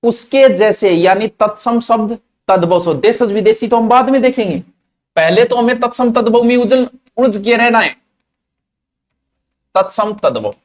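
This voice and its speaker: High-pitched guy teaching hindi grammar to a class, marwari accent, throws in local words. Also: normal speed. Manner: mixes Marwari words into Hindi, asks questions and answers them.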